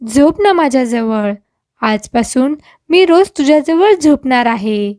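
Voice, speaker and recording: A childlike, innocent young man, as a woman storyteller puts him on. He pleads simply, in a high, slow voice with a dry sound. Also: animated, a little mellow, dry recording.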